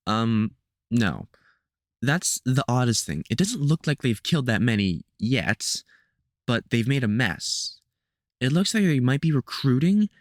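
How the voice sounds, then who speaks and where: In an audio roleplay, a man voices a gruff, protective veteran vampire hunter who speaks to the listener hesitantly and with light sarcasm, sounding puzzled and wary. His voice is mid-range, with no room sound and studio-quality recording.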